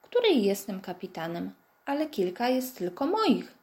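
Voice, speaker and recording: A woman voicing a calm, friendly bearded man, an athlete in a wheelchair, in a storybook reading, speaking patiently and with good humour. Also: mid-range voice, unhurried.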